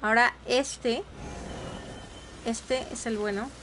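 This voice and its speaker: A woman's voice: a little high, steady tone, slow pace, fairly bright tone, slight background noise. A young woman commentating live gameplay, often frustrated and exclaiming to herself and her viewers. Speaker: streamer.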